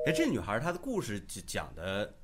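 A man hosting a radio call-in show, chatty and quick to exclaim. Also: fairly low pitch, a crowd in the background. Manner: animated, chatty, laughs and exclaims. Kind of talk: lively radio chat.

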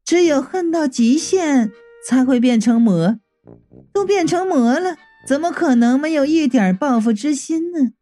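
A woman voicing a sultry, scheming female demon who speaks in a slow, teasing, coquettish drawl. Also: sits high, animated, mellow, faint music behind, voice pushed up. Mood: knowing.

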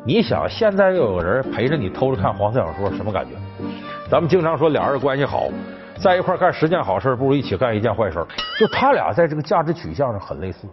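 A man giving a colloquial, animated storytelling lecture on a classic novel, speaking straight to his listeners. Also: mid-range voice, fast talker. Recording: dull, with background music.

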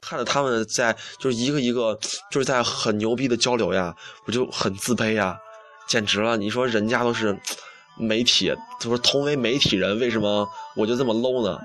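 A man's voice: medium pitch, steady tone, fairly quick, a bit bright, soft background music. A young man hosting a campus radio show, telling a story in a chatty, self-mocking way and acting out the dialogue. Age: young adult. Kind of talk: casual monologue.

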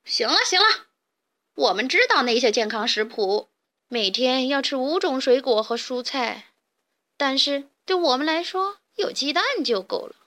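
A woman voicing a sly, gleeful male weasel bandit chief who laughs loudly and mocks his prey, in a children's storybook reading. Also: high-pitched, lively intonation, normal speed. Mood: mocking. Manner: loud mocking laughter.

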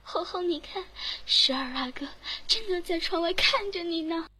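A woman's voice: very high-pitched, normal speed. A woman playing a suffering young female prisoner who pleads, cries and answers back defiantly. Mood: pleading. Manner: pleading and crying, then hushed and defiant. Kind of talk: period palace drama acting.

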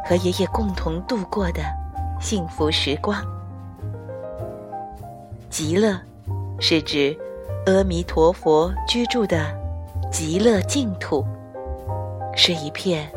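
A woman reading a children's picture book aloud in a soft, unhurried, gentle way. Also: fairly low pitch. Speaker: storyteller. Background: soft music.

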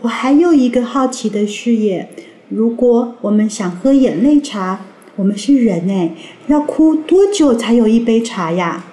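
A woman's voice: fairly high pitch, expressive, measured pace. Playful woman teacher in a roomy space. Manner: bright, playful, curious tone for kids. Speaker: reading teacher. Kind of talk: children's reading lesson.

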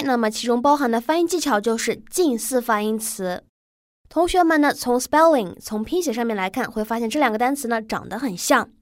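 A woman who is an English teacher giving a pronunciation lesson, with friendly classroom prompts and slow, clear drilling of words for the class to repeat. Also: a little high, no room sound, clean studio sound.

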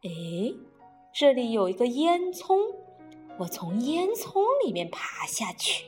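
一位女性用哼哼的威胁语气扮演贪心又爱吹嘘的大野狼。. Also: female voice, a little high, sing-song, slow pace, darkish tone, soft background music. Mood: scheming. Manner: huffing, threatening, grumbling. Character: big bad male wolf, greedy and blustering.

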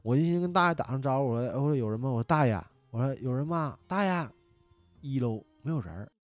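A man tells a story at a rapid clip, swearing freely and shouting out the loud parts. His pitch swings widely. The close, dry mic sits over faint music. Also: no echo. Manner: animated, swearing, shouting in re-enactment. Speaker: podcast guest. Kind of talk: casual storytelling.

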